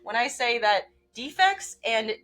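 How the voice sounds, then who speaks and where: A woman's voice: on the high side, animated, unhurried, fairly bright tone. A woman co-hosting a casual chat, joking and laughing often as she reads aloud, speaking through a mask. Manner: giggly, jokey, laughs often. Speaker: podcast co-host.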